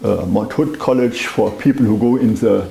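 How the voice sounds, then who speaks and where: Mellow older German-accented man, echoey room. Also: lowish voice, moderate pace, creaky. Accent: strong German. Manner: rambling, often interjects "you know". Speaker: interviewee, wine merchant. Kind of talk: conversational oral history interview, reminiscing. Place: indoors, small wine bar. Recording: echoey room with faint background noise.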